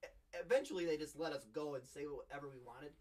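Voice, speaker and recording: A man, a guest car builder, explaining things in a relaxed, halting way with stuttering restarts. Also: a little high, distant mic. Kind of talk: casual panel chat.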